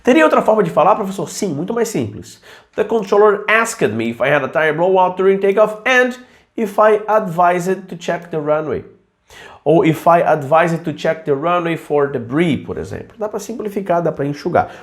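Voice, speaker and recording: Chatty high-voiced man teaching. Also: expressive. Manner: chatty, slips into English examples slowly and acts out students. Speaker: aviation English teacher. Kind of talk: informal video lesson.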